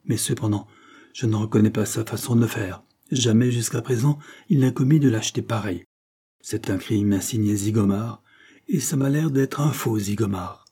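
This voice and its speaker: A man's voice: on the low side, normal speed, mellow, breathy edge. A man voicing a grave, shrewd detective chief. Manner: grave, insistent reasoning. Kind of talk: scripted narration.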